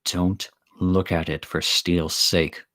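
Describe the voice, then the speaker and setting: A man voicing a tense stranger who speaks in clipped, hushed, urgent tones. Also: low-pitched, lively intonation, measured pace, dry recording, studio quality.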